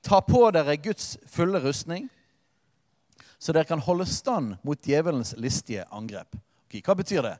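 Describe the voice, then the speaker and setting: Man, pastor, sermon, impassioned, emphatic repetition, slightly high voice, long hall reverb. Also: expressive, a little mellow. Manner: impassioned preaching, rising and falling with emphatic repetition.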